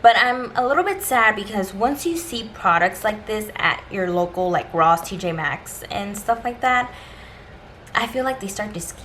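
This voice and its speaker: A woman's voice: mid-range voice, expressive, normal speed, a bit bright, a little hiss or hum. A woman talking casually and directly to viewers as a beauty vlogger, giving an informal shopping haul review.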